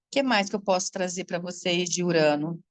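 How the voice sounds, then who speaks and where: With a fairly low pitch and no echo, a Brazilian woman who coaches spiritually and teaches astrology talks loosely to her audience. Her Brazilian Portuguese delivery is spirited and blunt, peppered with swearing and regular laughs.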